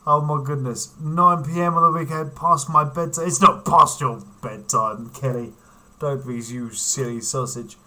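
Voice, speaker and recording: A man's voice: medium pitch, steady tone, unhurried, bright, forceful tone. A man hosting a casual livestream, rambling and giggling as he chats with viewers. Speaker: livestream host.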